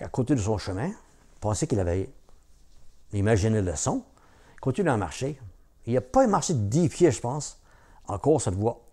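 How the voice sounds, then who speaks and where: Lively man telling a folk tale. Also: mid-range voice. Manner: conversational, repetitive "il dit" framing, asides to listeners. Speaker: storyteller.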